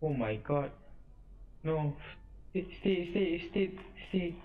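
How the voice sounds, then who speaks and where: A man recording himself in a virtual world, chatting casually and reacting with excited exclamations. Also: fairly high pitch, slow pace, muffled recording. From Malaysia. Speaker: player recording a VR chat session.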